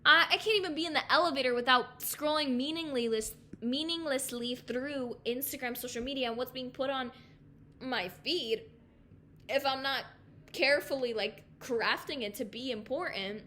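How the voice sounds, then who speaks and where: A woman's voice: sits high, normal speed, pushed and bright, slight background noise. A young woman hosting a faith podcast, talking casually and earnestly with many fillers, and praying with emotion. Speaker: podcast host.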